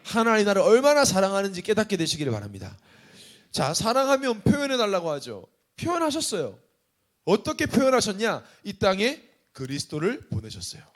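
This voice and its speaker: A man's voice: sits high, wildly swooping pitch, a little fast. A young adult man, a pastor, preaching a conversational sermon with rhetorical questions.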